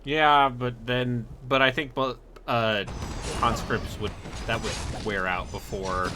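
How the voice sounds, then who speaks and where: A man casually chatting while playing a game on a stream, in a halting manner. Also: mid-range voice, steady tone, background noise. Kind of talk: casual chat over gameplay. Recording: game music and effects behind. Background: game music and battle sounds.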